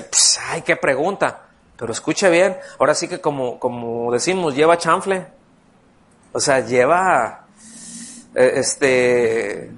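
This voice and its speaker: A man's voice: fairly high pitch, a bit bright. A male pastor teaching an expository sermon in a conversational way, asking the congregation questions. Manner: conversational, asks the congregation questions, acts out voices.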